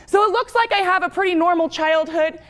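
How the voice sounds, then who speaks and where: Fast, lively woman telling her story. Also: very high voice. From Wyoming, US. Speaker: speaker. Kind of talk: personal testimony speech.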